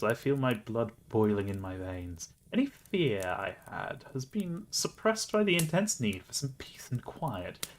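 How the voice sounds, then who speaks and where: Man streamer reading a game aloud. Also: fairly low pitch. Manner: playful, laughing asides.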